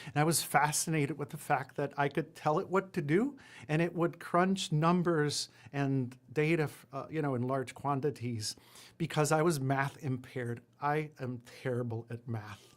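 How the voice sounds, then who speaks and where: In a relaxed interview, this guest—a lawyer and entrepreneur from Puerto Rico, forties, Spanish-speaking by birth—tells meandering stories at a moderate pace. His fairly high voice is peppered with fillers, and he often pokes fun at himself.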